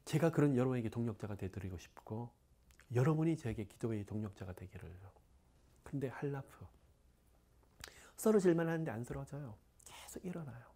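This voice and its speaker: A man's voice: medium pitch, animated, a little fast, dark tone. A middle-aged man, a pastor, preaching conversationally and often dropping to a whisper. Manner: conversational preaching, many asides; drops to breathy whispers. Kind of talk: sermon.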